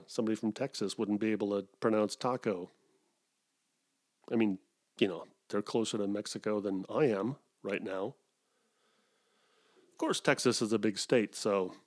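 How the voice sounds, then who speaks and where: Rambling middle-aged man podcasting solo. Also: fairly low pitch. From Wisconsin. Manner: digressive, self-mocking, with put-on voices. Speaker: podcast host.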